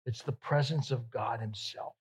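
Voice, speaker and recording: A male pastor preaching a sermon, repeating words for emphasis and swinging between loud emphatic peaks and soft, hushed passages. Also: mid-range voice, moderate pace, husky.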